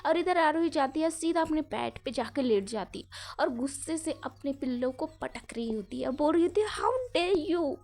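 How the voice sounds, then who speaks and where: A woman's voice: high-pitched, moderate pace, a little mellow. A woman hosting her channel and narrating an audio story in a chatty way, mixing English words and fillers. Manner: chatty, mixes English into Hindi, many fillers.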